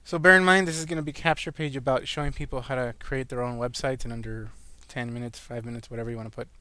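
A man's voice: mid-range voice, steady tone, fast, sharp tone, smooth, dry recording. A man presenting an informal screencast tutorial, slightly wheezy and breathing a little hard as he talks through each step. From California, where he lives. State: breathing a little hard after an asthma attack. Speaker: online marketing tutorial presenter.

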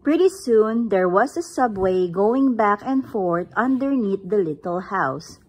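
A woman's voice: medium pitch, lively intonation, a little slow, husky. A woman reading a picture book aloud at home, recorded on a phone camera above the book. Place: indoors, at home.

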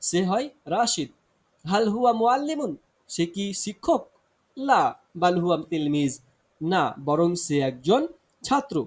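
A man with a Bangladeshi Bengali accent teaching a beginner language lesson, reading example sentences and translating them, often restarting words and pausing with fillers. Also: high-pitched, lively intonation, slightly rough. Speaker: Arabic teacher.

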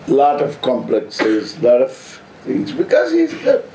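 A man in his seventies with a South Indian accent, giving an informal spiritual discourse in halting, deliberate phrases with playful humour. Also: medium pitch, huge pitch swings, mellow. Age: 70s. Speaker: spiritual teacher, swami. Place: seated on stage before an audience, indoors. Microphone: stand microphone close in front. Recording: roomy echo, audible background noise.

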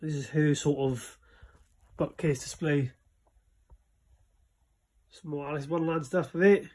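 In a small games room at home, a young Welsh vlogger gives a casual tour, filming on a phone held in his hand. His voice sits on the high side with a dark, steady tone, and he talks unhurriedly, rambling with plenty of fillers.

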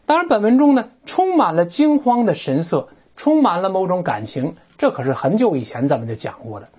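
A woman with a low, husky voice teaches an English textbook lesson, her pitch swinging widely as she talks. She explains words and grammar in a chatty, folksy way, full of asides and rhetorical questions. The recording sounds dull and lo-fi. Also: sing-song, brisk.

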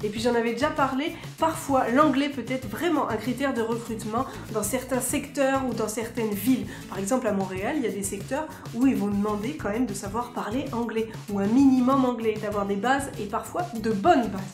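A woman's voice: fairly high pitch, fairly quick, hardly any pauses. Chatty, self-mocking woman from France. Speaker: vlogger. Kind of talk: casual chat to camera. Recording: echoey room, faint music.

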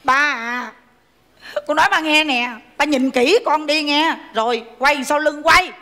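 High, bright-voiced pleading daughter, stage hall reverb, female performer. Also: a little slow. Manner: pleading, teasing, whiny. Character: whiny grown daughter desperate to marry. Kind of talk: live stage comedy sketch.

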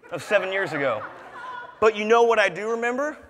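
A young man with a high, light voice preaches to a congregation, animated and building to shouts at his key points. His voice rings out through a large church sanctuary, with a long reverb trailing behind it. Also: brisk, crowd noise, background noise. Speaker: student preacher. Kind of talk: sermon.

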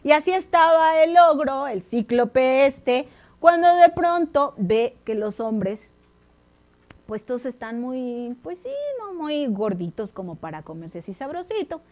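A Mexican woman telling a children's story in an animated, dramatic way, speaking straight to her young listeners. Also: high voice, measured pace. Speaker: storyteller host.

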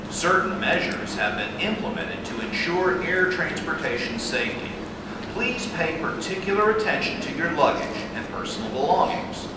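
A man's voice: on the high side, lively intonation, moderate pace. A man reading a scripted airport security announcement in a formal manner. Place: airport terminal over public address. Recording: very echoey, very noisy distant PA.

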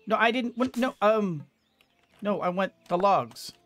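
Game music plays in the background of this small home room as a middle-aged let's-play host thinks aloud, muttering to himself in casual commentary. He has a high, fairly bright and expressive voice with a slightly slow delivery. A bit of hiss or hum sits in the recording.

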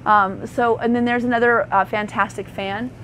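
A woman's voice: fairly high pitch, fairly even intonation, moderate pace, fairly bright tone. A woman, an RV sales associate, giving a thorough walkthrough tour inside a parked motorhome, talking chattily with fillers and self-corrections. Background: faint hum of air conditioning.

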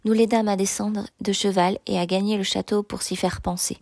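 A woman narrating a novel in the first person, with steady, measured storytelling. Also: mid-range voice, gravelly, no room sound, studio quality. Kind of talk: audiobook reading of a novel.

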